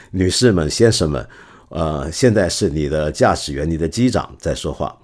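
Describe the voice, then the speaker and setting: A middle-aged man hosting a podcast, telling stories in a casual, animated way and acting out the quotes. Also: very deep voice, moderate pace. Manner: animated, acts out quotes with laughs. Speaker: podcast host. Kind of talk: casual storytelling talk.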